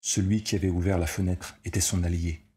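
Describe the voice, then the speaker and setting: A man narrating a short story as an audiobook reader, measured and steady. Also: low voice.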